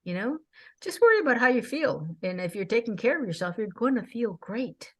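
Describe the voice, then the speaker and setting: A woman in her sixties hosting a casual chat, talking with bright enthusiasm and frequent laughs. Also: a little high, sing-song, fairly quick, slightly rough. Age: 60s. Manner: enthusiastic, chatty, laughs often.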